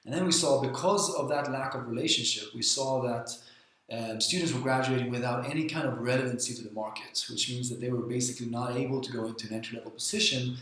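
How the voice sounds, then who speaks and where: A young Swedish-born man, a guest on a podcast, talking in a relaxed, friendly way with frequent ums. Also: mid-range voice, quick pace. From Sweden. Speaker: guest, founder of a talent accelerator. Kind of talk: casual interview talk. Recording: echoey room.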